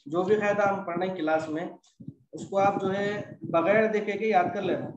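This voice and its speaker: High-voiced man teaching tajweed, echoey room. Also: fairly even intonation, moderate pace, far from the mic, muffled recording, background noise. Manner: patient, repetitive explaining, stretches out example words. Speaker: Quran recitation teacher. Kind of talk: classroom lesson on tajweed rules.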